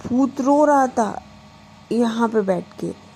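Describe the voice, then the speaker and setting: A woman's voice: on the high side, expressive, slow, vocal fry, warm tone, a little hiss or hum, exaggerated voice, poor audio. A woman doing a hurt, tearful young wife. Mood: startled. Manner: tearful, accusing. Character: hurt weeping young wife feeling betrayed.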